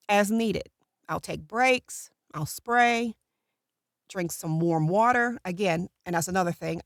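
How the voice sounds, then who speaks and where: A middle-aged woman with natural vocal fry, a voiceover artist casually explaining a routine to camera from a small recording booth. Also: lowish voice, no room sound, studio quality.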